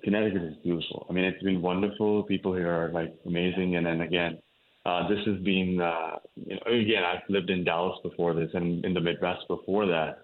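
An Indian cardiologist, appearing as a guest, answers interview questions about his work over phone-quality audio. His low voice keeps a steady tone at a brisk pace, though he uses many fillers and restarts.

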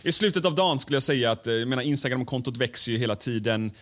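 Male co-host, casual chat, frank, cursing, halting delivery, mid-range voice. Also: medium pitch, animated. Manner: frank and swearing, full of hesitant fillers; mimics others in loud raised voices. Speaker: podcast co-host.

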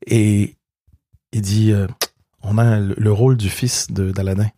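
Lower-voiced middle-aged Québécois man. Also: little pitch movement, measured pace, warm tone, dry recording. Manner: storytelling, acts out quoted dialogue; frequent restarts and repeated words. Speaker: guest, comedian. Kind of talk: casual interview chat.

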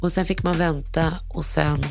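A woman's voice: low voice, fairly even intonation, vocal fry, darkish tone. A woman in her thirties frankly telling her own story, often acting out the lines of the people in it. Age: 30s. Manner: frank, emotional, acts out quoted dialogue. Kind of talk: personal storytelling. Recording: music playing underneath.

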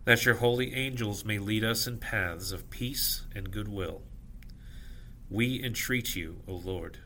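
A man officiating at evening prayer, reciting scripture and liturgy in measured, solemn short phrases. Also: fairly low pitch, sharp tone, slight background noise.

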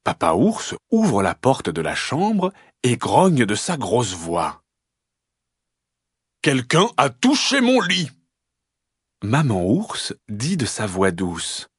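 Conteur expressif, voix très mélodieuse. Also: male voice, fairly low pitch, takes it slowly, husky, dry recording, studio quality. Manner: expressive, lilting delivery. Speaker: storyteller. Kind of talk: children's story reading.

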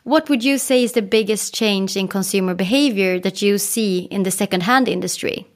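A woman's voice: medium pitch, normal speed. A woman hosting a podcast, reading scripted introductions and asking questions. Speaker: podcast host.

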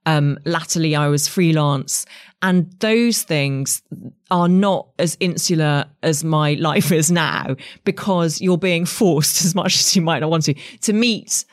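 A forties-aged woman from England, a writer with an English accent, is a guest in a reflective interview and talks with candor and thought. Her voice sits low and keeps a measured pace. The recording is dry and studio-clean.

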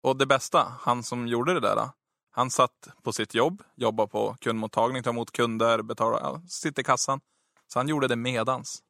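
A man chatting casually on a podcast, delivering dry, deadpan jokes. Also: medium pitch, creaky, no room sound. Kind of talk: casual chat.

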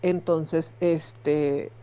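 A woman with a Mexican accent giving a personal testimony in an interview, telling her story in a lively way with frequent fillers. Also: deep voice, very slow.

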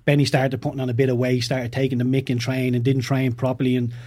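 Fast-talking ex-footballer telling stories. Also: male voice, mid-range voice. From Ireland. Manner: lively anecdotes, laughs while telling. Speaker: podcast guest, former footballer. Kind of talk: casual storytelling chat.

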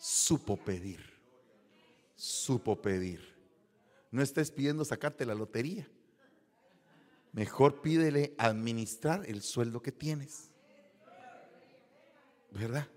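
A man's voice: mid-range voice, animated, slow, long pauses, darkish tone. A man preaching a sermon, exclamatory and jokey, often laughing. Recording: church sermon with long hall reverb.

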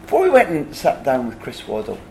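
A man's voice: medium pitch, huge pitch swings, fairly quick, gravelly, a little hiss or hum. A man hosting a conversational interview, putting long, winding, reflective questions to his guest. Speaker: interviewer, podcast host.

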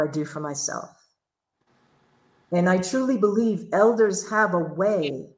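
Earnest lady, kinda low voice, echoey room, reflective storytelling. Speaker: livestream host. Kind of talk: conversational livestream talk.

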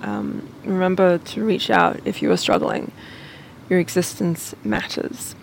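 A woman podcast host making an earnest, gentle announcement, heard on a low-quality phone recording. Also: big pitch swings, unhurried, vocal fry, a little hiss or hum.

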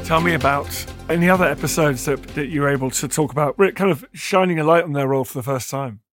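A man's voice: fairly high pitch, fast, fairly bright tone, soft background music. A man hosting an interview, asking questions and answering in a reflective, emphatic way. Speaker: host.

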